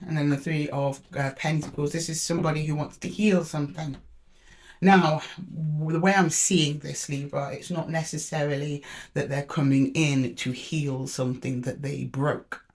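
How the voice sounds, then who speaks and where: A woman gives a casual tarot reading in a croaky, slightly low voice. She is chatty and conversational, speaking to her listeners as familiar friends. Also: darkish tone. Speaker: tarot reader and channel host.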